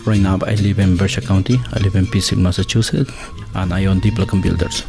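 Gravelly low-voiced Ecuadorian man. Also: over music. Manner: halting, searching for words, second-language English. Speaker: guest, builder and former chef. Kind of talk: conversational interview.

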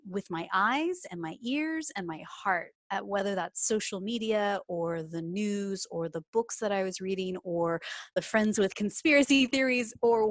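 Working remotely from home, this coach and small business owner describes her business in a relaxed interview, cheerful and heavy on fillers. She's from Texas and has a Texan accent. Her voice is medium in pitch, and the studio sound is clean with no echo.

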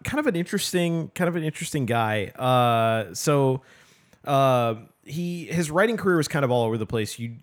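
Rambling man co-hosting a book podcast. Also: mid-range voice. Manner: rambling, many fillers and restarts. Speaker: podcast co-host. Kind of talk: casual book podcast chat.

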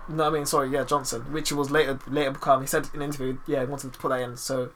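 A man's voice: mid-range voice, little pitch movement, racing, a bit bright, slight background noise. A man with a London roadman accent chatting casually about films as a podcast co-host, using heavy street slang. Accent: London, urban street.

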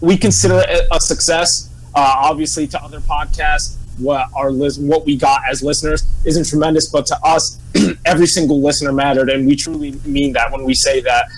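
A young man moderates a casual podcast. His voice is a little higher than most men's, and he talks informally as he introduces segments and addresses listeners. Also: fairly even intonation, brisk, rough recording.

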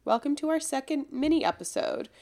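A woman's voice: sits high, expressive, a little fast, creaky, a little mellow. A woman podcast co-host with a nasal, stuffed-up voice from a cold, chatting in an informal, slangy way about pop culture. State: congested with a cold. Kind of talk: casual pop culture chat.

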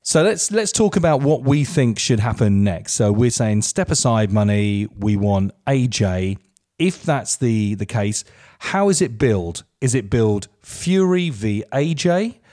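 A man's voice: medium pitch, lively intonation, a little slow, darkish tone. A man hosting a podcast, leading the chat with long, rambling questions. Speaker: podcast host.

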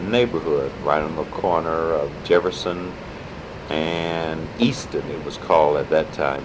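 An older man gives an oral history interview, reminiscing in a halting, deliberate manner. His voice is very low and his pace markedly slow. A clear rumbling hum runs behind him on the tape. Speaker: interviewee, civil rights activist.

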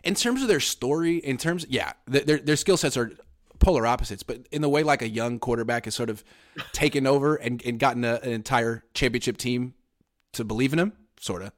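A man in his thirties co-hosts a casual sports talk podcast, speaking fairly quickly at medium pitch. He's emphatic and wry, often slipping into mock quotes.

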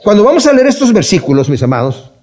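Guy preaching a sermon, pretty high voice, lively, acts out voices. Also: fast. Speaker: pastor.

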